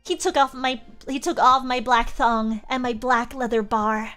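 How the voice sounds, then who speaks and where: A woman's voice: a little high, steady tone, a little slow, a bit bright, soft background music. A young Australian woman streamer reading a fanfic aloud with comic commentary, often breaking into giggles. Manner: giggly, keeps breaking into laughter.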